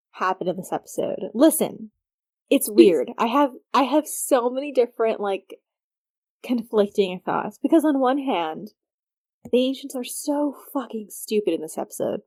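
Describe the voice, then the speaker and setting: Woman podcast co-host, fairly high voice, casual ranting and swearing. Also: darkish tone. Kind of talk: casual fan chat.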